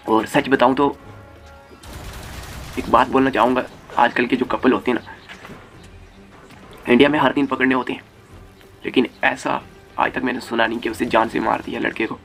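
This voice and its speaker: A man's voice: mid-range voice, gravelly, fairly bright tone. A young man giving a heated, crude commentary rant as a YouTube commentator, swearing freely. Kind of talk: ranting commentary.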